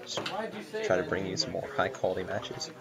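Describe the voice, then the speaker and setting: A man commentating a card game match in a steady announcer-style delivery. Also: deep voice, fairly quick, creaky. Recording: crowd chatter behind. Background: chattering crowd.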